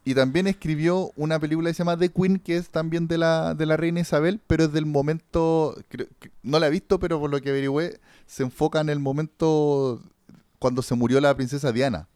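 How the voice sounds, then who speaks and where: A podcast host with a Chilean accent reviews a series in a rambling, casual chat loaded with slang and fillers. His slightly high voice is brisk, a bit mellow, clear and resonant, with fairly even intonation and no room sound.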